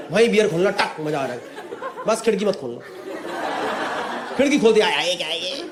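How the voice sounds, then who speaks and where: A man, telling an animated stand-up story with crowd work in mixed Hindi and English, acting out voices. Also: high-pitched, noisy background. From India. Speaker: stand-up comedian. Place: comedy club stage before a live audience. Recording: roomy hall with loud crowd. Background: audience laughter.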